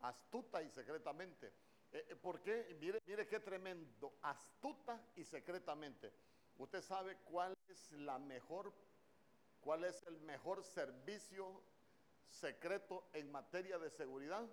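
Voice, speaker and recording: A male preacher with a Honduran Spanish accent delivers a church sermon. His voice sits a little higher than most men's, and he keeps firing questions at his listeners. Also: takes it slowly, slight background noise. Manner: animated, questioning the congregation.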